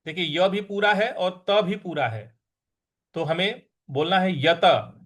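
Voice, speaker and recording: A man teaching Sanskrit verse recitation, chanting lines slowly and then explaining pronunciation quickly. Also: high voice, a bit bright. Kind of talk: recitation lesson.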